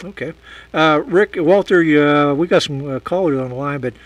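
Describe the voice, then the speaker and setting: Male radio talk host, hesitant delivery, fairly high, dry studio sound. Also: normal speed, no echo, far from the mic. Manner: hesitant, many fillers. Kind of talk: radio call-in hosting.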